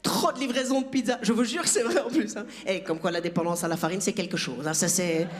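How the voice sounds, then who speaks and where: A man's voice: high-pitched, steady tone, quick pace. A man doing a chatty, self-mocking stand-up set on a theatre stage, teasing the audience. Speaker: stand-up comedian.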